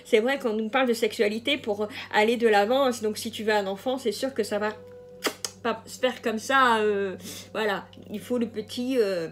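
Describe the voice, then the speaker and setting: A woman's voice: a little high, fairly even intonation, moderate pace. A woman giving a casual general tarot reading, hesitant, with many fillers and restarts and the odd laugh at her own jokes. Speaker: tarot card reader.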